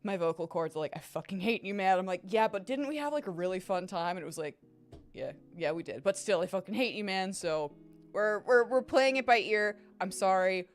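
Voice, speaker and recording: With faint music underneath, a young woman streamer talks casually to her viewers in an animated, fairly quick mid-range voice. She sounds strained and tired, rambling along and cursing freely.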